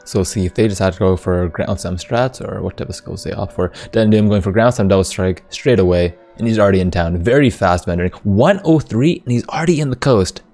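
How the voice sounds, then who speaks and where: A man commenting live on an esports race, upbeat and easily excited by split times, often filling with "like". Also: on the low side, fairly quick, hardly any pauses, faint music behind.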